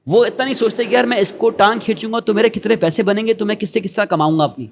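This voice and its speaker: A man's voice: high-pitched, steady tone, creaky. A middle-aged man with a Pakistani accent, talking as an interview guest in an earnest, preachy way, often slipping into quoted asides. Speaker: guest, education founder. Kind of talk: conversational interview.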